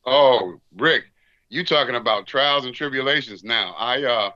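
A man's voice: mid-range voice, unhurried, bright, forceful tone, no room sound, highs cut off. A middle-aged American man from Washington, D.C., an interview guest reminiscing as a veteran about his life in an earnest, emphatic, conversational way, repeating phrases for effect. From Washington, D.C., United States.

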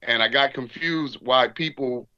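Middle-aged American male, veteran recalling his life as interview guest. Bright, punchy, earnest delivery, close dry sound. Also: medium pitch, a little slow, clean tone, dry recording, highs cut off. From Washington, D.C., United States. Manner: veteran reminiscing about life. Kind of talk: conversational interview storytelling.

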